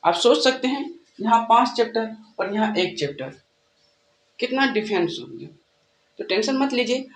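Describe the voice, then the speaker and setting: A man teaching a maths lesson as a tutor, asking questions and answering them himself, with frequent check-ins. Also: sits high. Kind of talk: classroom-style lesson explanation. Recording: echoey room with faint background noise.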